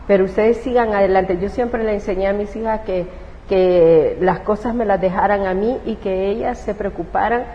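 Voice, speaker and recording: Emotional Salvadoran woman pastor, roomy sound. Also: mid-range voice. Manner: emotional storyteller who acts out her own past words. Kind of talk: telling her life testimony in an interview. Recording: roomy, dull recording with faint hiss.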